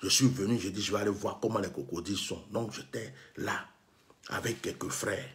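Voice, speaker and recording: A man's voice: on the low side, a little fast. A man from Côte d'Ivoire with an Ivorian French accent, telling a story and delivering an impassioned, scolding monologue that acts out bits of dialogue.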